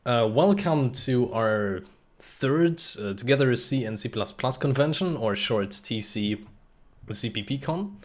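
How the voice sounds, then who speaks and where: A man from Germany hosts a live-streamed technical talk in a middle-pitched voice. He explains step by step in a relaxed, conversational way. Frequent "uh" fillers run through his speech, and he stops now and then to answer the chat. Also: unhurried. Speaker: host and presenter.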